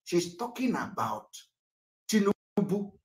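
A man's voice: high-pitched, sing-song, slow pace, a little mellow, echoey room. A Nigerian man hosting a political livestream, hammering home key words over and over. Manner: emphatic and repetitive, heavy stress on key words. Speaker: livestream host.

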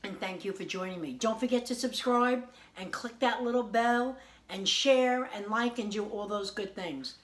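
Her voice is medium-pitched and her speed normal: a woman in her forties hosting a casual home cooking video. She prepares and tastes a salad in her kitchen, chatty and homey, praising the food as she goes, with a camera on the counter at arm's length.

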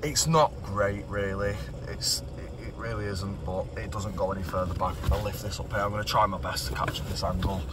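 This British man's voice is lowish, and he talks fairly quickly, hardly pausing, as he gives relaxed, explanatory commentary on car restoration for his vlog. He's recorded in a car, on a street and at a computer, handheld and noisy, with vehicle noise in the background.

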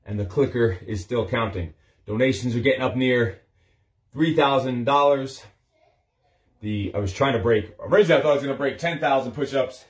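A man's voice: medium pitch, fairly quick. A man, a personal trainer, chatting casually to a livestream while doing push-ups, tired from long physical exertion. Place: small carpeted home office, indoors. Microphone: phone on a stand a step or two away.

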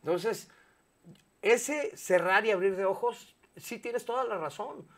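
A man in his fifties with a Mexican accent, talking candidly as an interview guest, animated and swearing freely, recorded on a lapel mic in a studio. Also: sits high, measured pace. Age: 50s. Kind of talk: casual interview chat. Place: studio set with sofa.

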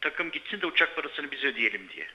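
A man's voice: on the high side, big pitch swings, fast, bright, forceful tone. A man calling in by phone to a live broadcast as a sports writer gives heated, insistent commentary, listing figures and asking pointed questions. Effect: phone line into a live broadcast. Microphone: telephone. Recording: muffled phone-line audio.

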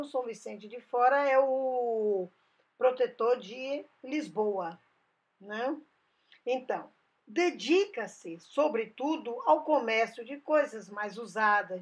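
A woman's voice: fairly high pitch, breathy edge. A woman narrating a voice-over for her travel channel, going through dates and history carefully, with small restarts.

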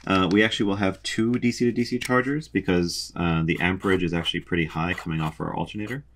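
A young man calmly explains a boat's electrical wiring while drawing a diagram, methodical, with frequent ums. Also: deep voice, quick pace, slight background noise. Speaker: sailing vlogger explaining a boat electrical system.

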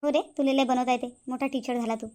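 Woman voicing a scolding cartoon mother-in-law, nagging, quick-talking, high voice. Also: steady tone, lightly acted. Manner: nagging, sharp and accusing. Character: scolding middle-aged mother-in-law, quarrelsome. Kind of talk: cartoon voice acting.

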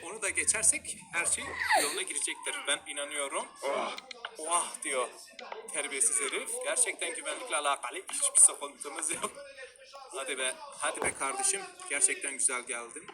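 Animated, high-pitched Turkish gamer man. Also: normal speed, gravelly, a loud crowd. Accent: regional Turkish dialect. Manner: swears a lot, yells and laughs in frustration. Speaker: gamer streamer. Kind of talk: gaming commentary. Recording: loud game music behind.

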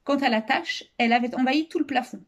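A woman reading a children's novel aloud as a storyteller, expressive and lively, raising her voice for the characters' shouted lines. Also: fast. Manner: expressive, raises pitch for shouted quotes.

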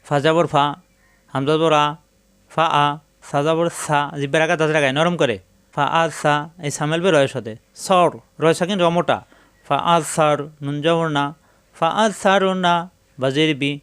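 In a clean, slightly bright recording with no room sound, a patient man with a Bangladeshi Bengali accent gives a slow, step-by-step lesson on Quran spelling and pronunciation. His voice sits on the high side with fairly even intonation. He methodically repeats every syllable, alternating drawn-out chanting of Arabic words with plain explanation.

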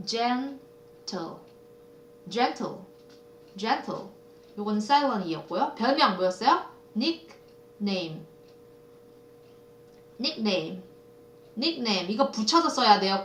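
Lively echoey woman teaching vocabulary. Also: fairly high pitch, far from the mic. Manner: repeats words in drills, explains pronunciation. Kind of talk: vocabulary lesson with drills. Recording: echoey room, off-mic.

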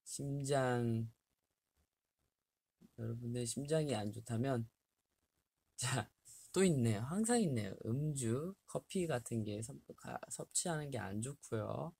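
His voice is mid-range, gravelly and darkish with a breathy edge, animated yet measured in pace, and broken by long pauses. He's a young man in his twenties on a livestream, casually talking with fans, reading health tips and often laughing in a small bare room. The desk-distance webcam audio has no echo.

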